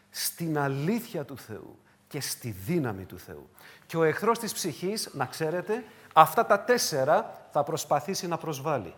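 A man preaching a sermon in a high voice. His pitch leaps and dives widely as he moves from ringing cries to hushed, low phrases. He presses his points through repeated rhetorical questions. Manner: repetitive, emphatic rhetorical questions.

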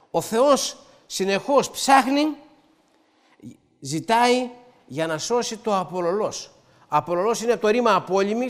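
A man's voice: high voice, in a large hall. A man preaching a sermon, opening with a prayer and then explaining scripture step by step in an earnest way.

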